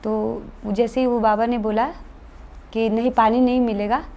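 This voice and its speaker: A woman's voice: fairly high pitch, flat delivery, normal speed, darkish tone. A woman telling an interviewer about something that happened to her, in an earnest, matter-of-fact conversational way. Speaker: guest telling a true experience. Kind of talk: casual interview storytelling.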